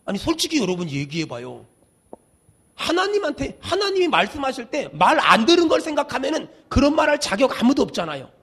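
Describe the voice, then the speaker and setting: A middle-aged male senior pastor preaching a sermon, leading the congregation in call-and-response and swinging between loud shouts and hushed asides. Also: extremely high pitch, huge pitch swings, brisk, breathy edge.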